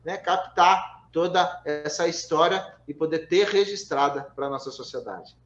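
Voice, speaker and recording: A man hosts a live-streamed interview, speaking with enthusiasm as he asks questions and reads out comments. His voice sits a little high for a man, and it comes over a roomy, muffled line. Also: measured pace. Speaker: interview host. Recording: dull, roomy remote audio.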